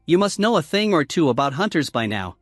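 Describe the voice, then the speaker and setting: A man's voice: on the high side, a little fast, no room sound, studio quality, faint music behind. A man voicing a cocky, coldly menacing young male hunter in a story recap. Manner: flat and menacing.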